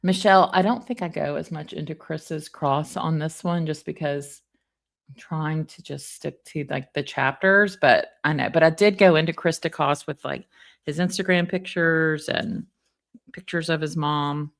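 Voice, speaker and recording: A woman with a low voice hosts an online stream. She talks casually to her live viewers, commenting as she moves through her material. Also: moderate pace, creaky.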